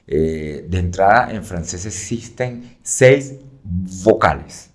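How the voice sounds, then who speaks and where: A man's voice: deep voice, expressive, takes it slowly. A man who teaches French, explaining patiently in an interview, with frequent fillers and checks like "right?".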